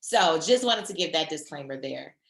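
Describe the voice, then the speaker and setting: Hoarse from a sore throat, a woman trainer runs a virtual session over video call in a low-sitting, expressive voice with a fairly bright tone. She keeps a moderate pace and an encouraging, conversational style, in an echoey room.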